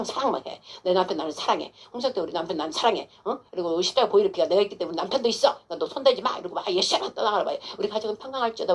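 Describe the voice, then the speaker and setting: A woman's voice: medium pitch, slightly rough. A woman pastor giving an informal, emphatic sermon to a congregant, coaxing with frequent rhetorical questions.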